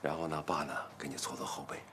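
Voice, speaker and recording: A man's voice: a bass voice, fairly even intonation, quick pace, sharp tone, a little hiss or hum. An actor playing a doting, thrifty middle-aged father from Northeast China, coaxing his grown son in a TV drama. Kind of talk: TV drama acting.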